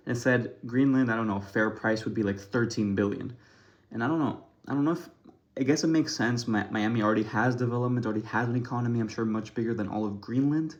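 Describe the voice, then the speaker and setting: A man's voice: mid-range voice, dull audio. A young man from Ecuador rambling casually to camera, thinking aloud with many restarts and self-deprecating asides. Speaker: vlogger.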